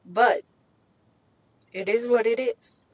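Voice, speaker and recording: A young woman chats to her audience from the driver's seat of a small parked car, speaking close into a microphone. She rambles in a slangy, self-mocking way and takes her time, drawing her words out at an unhurried pace. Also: on the high side, steady tone, no room sound, poor audio. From Mexican heritage. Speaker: vlogger. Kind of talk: casual chat. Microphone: handheld USB microphone.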